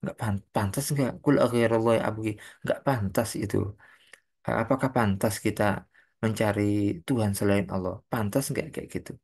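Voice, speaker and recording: A man's voice: lowish voice, moderate pace, a little mellow, slightly rough. A man giving an online Quran commentary lesson, explaining patiently, asking rhetorical questions and reciting Arabic phrases. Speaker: Quran tafsir teacher. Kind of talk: online religious lecture. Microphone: online lecture mic.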